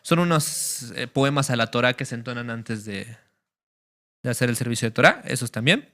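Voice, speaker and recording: A man teaching a religious class in a casual, explanatory way, often pausing with fillers and checking that his listeners follow. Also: mid-range voice, expressive, pushed and bright.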